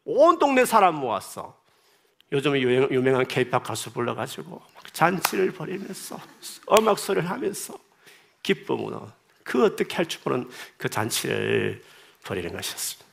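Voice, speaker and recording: A man's voice: medium pitch, big pitch swings, moderate pace, gravelly, fairly bright tone. A male pastor preaching a sermon in an impassioned way, climbing to emphatic outbursts.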